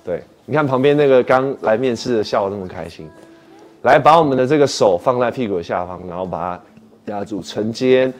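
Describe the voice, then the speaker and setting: A man's voice: mid-range voice, expressive, a little fast. A man casually hosting a live stretching session, chatty and often checking in with questions. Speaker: fitness livestream host. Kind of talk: casual livestream chat and stretching instruction. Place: indoor home-style studio, seated on mat. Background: faint music.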